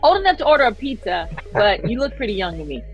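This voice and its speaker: A woman's voice: a little high, very animated, fast, highs cut off, soft background music. A woman leading a casual interview, upbeat and affirming as she asks questions. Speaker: podcast guest host.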